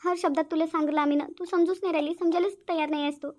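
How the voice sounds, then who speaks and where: A woman's voice: very high-pitched, steady tone, rapid-fire, darkish tone. A woman voicing a worried, weary village mother in a cartoon, scolding and fretting. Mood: exasperated. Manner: fretful, scolding, sighing complaints. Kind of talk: cartoon voice acting.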